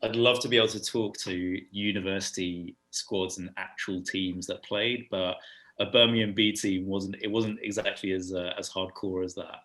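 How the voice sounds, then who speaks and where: A British man, a podcast guest, telling stories in a casual and animated way. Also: deep voice, normal speed. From United Kingdom. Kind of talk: casual storytelling chat.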